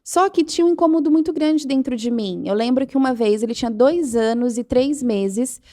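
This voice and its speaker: A woman's voice: sits high, normal speed, warm tone. A woman in her thirties with a Brazilian Portuguese accent, a parent educator who tells her story earnestly as a guest in a podcast studio. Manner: earnest storytelling, acts out quoted lines. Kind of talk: interview conversation.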